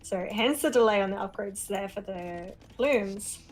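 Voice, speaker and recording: A woman's voice: medium pitch, measured pace. A woman co-commentating a live strategy game match, upbeat and playful, laughing often. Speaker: esports co-caster.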